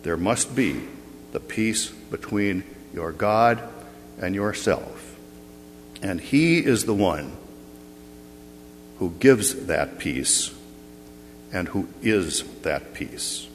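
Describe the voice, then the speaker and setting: A pastor preaching a sermon in slow, measured phrases, his voice ringing with a long cathedral-like echo in a large church. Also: sits low, expressive. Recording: reverberant church hall, faint hum.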